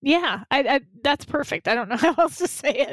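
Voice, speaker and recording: A woman's voice: sits high, lively intonation, moderate pace, fairly bright tone, no room sound. A woman co-hosting a podcast, chatting casually and laughing often, with repeated words as she thinks. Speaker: podcast co-host. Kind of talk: casual chat.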